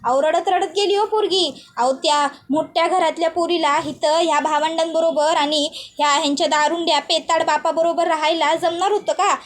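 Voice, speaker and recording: A woman's voice: very high-pitched, steady tone, moderate pace, hardly any pauses. A woman voicing a sly, spiteful village aunt who mockingly spreads gossip, recapping a television serial. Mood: gleeful gossip.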